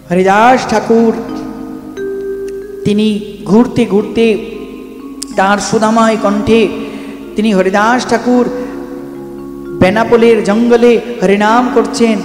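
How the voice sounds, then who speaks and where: A man's voice: high voice, fairly even intonation, slow pace, pauses often. A male devotional preacher telling a saint's story in a sermon, chanting the mantra in a sing-song and asking the listeners rhetorical questions. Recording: echoey hall with music behind.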